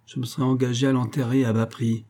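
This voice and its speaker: A man's voice: mid-range voice, level tone, fast, warm tone, close to an everyday voice. A man reading an audiobook, voicing a grumpy male domino player who mutters curses at the whole world. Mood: grumbling.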